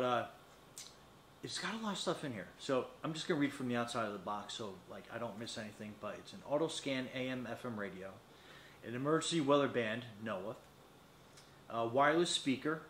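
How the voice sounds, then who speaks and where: With a fairly bright, medium-pitched voice at a moderate pace, a man in his fifties casually demos a product without a script. He's a reviewer at a desk in a small metal-walled indoor studio, thinking aloud and rambling a little. The room is echoey with a faint noise floor.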